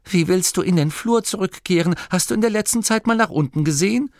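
Man doing bold gnome woman, haughty, sharp, raised high and loud, dry recording. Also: a little fast, no echo.

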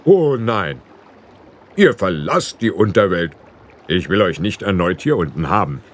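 Slow, stern underworld ferryman, low and husky, voiced by a male narrator. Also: sing-song, full character voice. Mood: stern grumpy. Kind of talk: audiobook character voice.

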